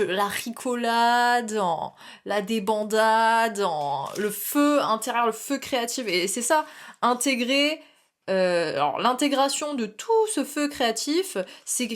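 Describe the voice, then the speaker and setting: A young woman doing a casual tarot reading, talking chattily, laughing often and dropping English slang. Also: a little high. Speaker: tarot reader.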